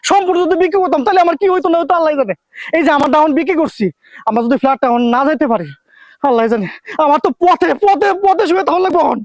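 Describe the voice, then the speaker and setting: Fast, high-pitched, fretful husband. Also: male voice, animated, no room sound. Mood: despairing worry. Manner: repetitive, agitated, colloquial. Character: anxious, fretful married man, impatient son. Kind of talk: Bengali family TV drama acting.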